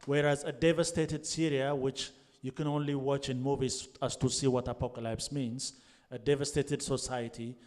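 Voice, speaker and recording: A man in his thirties, from Ethiopia, moderating a panel in a glass greenhouse venue through a handheld microphone. His voice is mellow and dark, and he builds long, measured, structured questions. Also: mid-range voice. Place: glass greenhouse event space, seated on stage.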